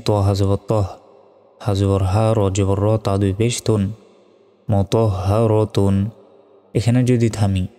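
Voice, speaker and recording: A man teaching Quran reading, spelling out syllables slowly and then reciting them in a melodic chant. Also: lowish voice, warm tone. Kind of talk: letter-by-letter recitation lesson. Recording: long reverb hall with faint music.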